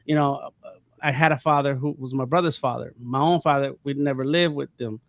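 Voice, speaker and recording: A man's voice: mid-range voice, fairly even intonation, brisk, no echo. A man in his fifties from the United States, talking casually on a panel, rambling with many restarts. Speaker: panel guest.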